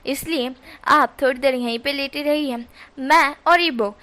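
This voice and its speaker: A caring, easygoing young man who coaxes and reassures in a chatty flow, as a woman storyteller voices him. The voice is high and bright. It is part of a casual spoken story. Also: measured pace. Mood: reassuring.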